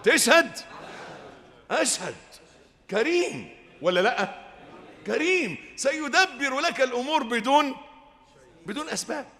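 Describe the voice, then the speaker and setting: A man's voice: extremely high pitch, measured pace, pauses often, big-room sound. A man with an Egyptian Arabic accent, preaching a sermon with storytelling and call-and-response with his audience. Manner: lively, calls and responses with the audience.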